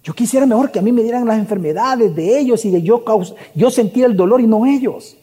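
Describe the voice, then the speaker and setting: A man preaches a sermon, pressing his listeners with question after question. His voice sits high yet sounds mellow and husky, trailing a long reverb as if filling a large church hall. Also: fairly quick. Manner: preaching with rhetorical questions to the congregation. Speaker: pastor.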